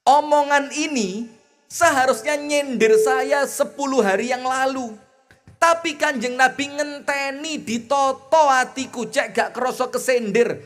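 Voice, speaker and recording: A man with a fairly high voice and a Javanese accent gives a lively, folksy sermon. He chants Arabic phrases slowly and then explains them conversationally, and his voice swings between loud emphasis and soft asides. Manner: folksy, mixes in homely jokes. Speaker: Islamic preacher.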